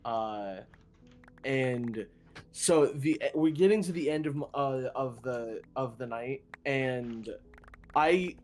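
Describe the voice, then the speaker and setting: A man's voice: mid-range voice, slow pace, a little mellow, slight background noise. A man streaming a game and chatting casually, rambling with frequent restarts and self-deprecating asides. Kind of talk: casual chat while gaming.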